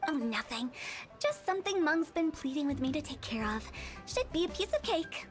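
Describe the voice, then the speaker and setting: A woman's voice: high voice, sing-song, normal speed, soft background music. A woman voicing a playful young funeral director with a mischievous, cheerfully morbid way of talking. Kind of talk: game voice-over.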